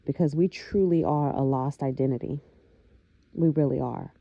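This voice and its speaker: A woman vlogger talking reflectively to her viewers, with a slow, thoughtful manner and many soft fillers. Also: very deep voice, vocal fry, no echo, highs cut off. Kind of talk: casual talking-to-camera monologue.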